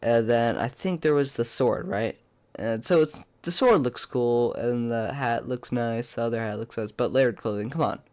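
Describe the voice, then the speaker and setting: A man's voice: medium pitch, normal speed, a little mellow. A young man with a congested, pinched-nose voice from a cold, giving rambling, blunt, casual commentary as a YouTuber. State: sick with a cold. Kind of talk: casual opinionated video commentary.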